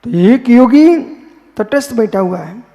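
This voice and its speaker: A man, a Jain monk, giving a philosophical sermon, posing questions and answering them himself, repeating phrases slowly. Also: very high-pitched, animated, dark tone, in a large hall.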